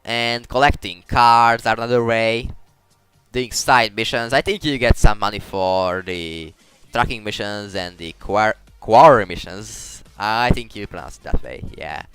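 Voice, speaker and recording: A man's voice: fairly low pitch, unhurried, a bit bright, clear, resonant tone, no room sound, faint music behind. A man giving casual commentary while playing a game. He rambles, stumbles over his words and restarts sentences often. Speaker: gaming commentator.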